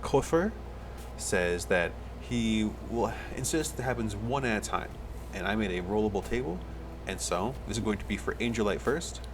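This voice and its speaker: A man's voice: on the low side, animated, moderate pace, noisy background. A man running a tabletop game as game master, explaining rules and describing scenes at length.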